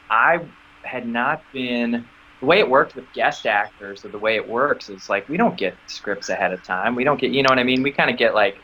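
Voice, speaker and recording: A man's voice: muffled recording, a little hiss or hum. A man being interviewed about acting work, telling a story in a casual way and acting out the dialogue he quotes. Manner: animated, acts out quoted dialogue with sudden high squeaks. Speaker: actor interview guest.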